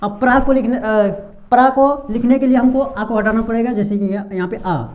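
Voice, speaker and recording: A young man teaches English pronunciation in Hindi at a board, his voice very high and steady, a little mellow, moving fairly quickly. He often poses a question and answers it himself, repeating the key sounds, and the recording is lo-fi.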